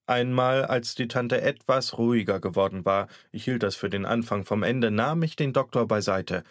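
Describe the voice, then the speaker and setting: A man's voice: mid-range voice, moderate pace, no echo, studio quality. A man narrating a satirical story as an audiobook reader, in a wry, theatrical manner. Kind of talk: scripted narration.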